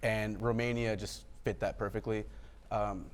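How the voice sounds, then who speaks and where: A man's voice: on the low side, fairly even intonation, unhurried. A man, a film director, talking conversationally as a guest in a TV interview.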